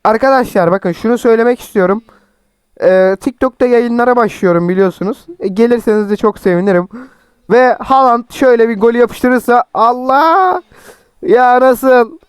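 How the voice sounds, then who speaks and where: A young man with a sore, cracking throat, chattily commenting on his own football game and yelling at his players. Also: extremely high pitch, moderate pace, clean tone, no room sound. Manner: chatty, teasing, shouts at players. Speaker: mobile football gameplay streamer. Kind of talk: excited gameplay commentary.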